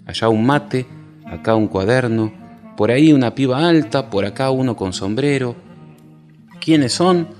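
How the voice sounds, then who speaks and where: A man narrates a poetic story in a fairly low voice. His delivery is dreamy and wondering, his pitch moves a lot, and a soft cello plays behind him. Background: soft cello music.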